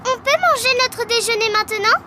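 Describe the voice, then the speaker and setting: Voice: very high-pitched, fairly even intonation, brisk, very noisy. A performer voicing a cheerful, chatty little girl pig in a preschool cartoon, with a childlike, earnest manner. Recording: music under the voice.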